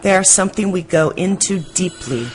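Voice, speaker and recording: A woman reading a translation voice-over of a spiritual talk, explaining in a measured way. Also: on the low side, expressive, a little hiss or hum.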